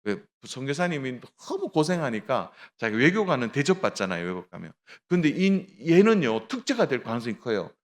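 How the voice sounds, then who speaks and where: A man's voice: medium pitch, big pitch swings, normal speed, hardly any pauses. A middle-aged male pastor giving a Sunday sermon, telling a story with acted dialogue and addressing the congregation directly.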